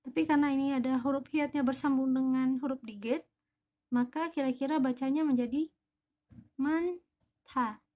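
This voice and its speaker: A woman's voice: high voice, steady tone, moderate pace, pauses often, dark tone. A woman teaching a language lesson, patiently explaining each example word one by one.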